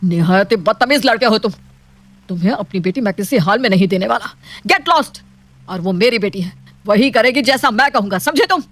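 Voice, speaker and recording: A woman voicing a strict, proud, wealthy middle-aged father in an animated storybook, scolding and commanding. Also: medium pitch, a little fast, natural voice. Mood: angry.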